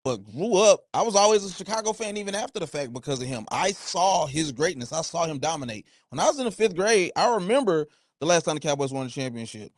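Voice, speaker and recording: Brief: man in his thirties, podcast host, lively and playful, a touch high, dry close sound. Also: fast talker, few pauses, dry recording. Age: 30s. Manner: animated, playful banter, slangy. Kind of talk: casual chat.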